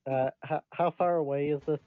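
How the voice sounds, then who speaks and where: A man playing in a tabletop game, talking in a deliberate way. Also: fairly high pitch, steady tone, smooth, phone-quality sound. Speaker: player. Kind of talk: casual tabletop game play.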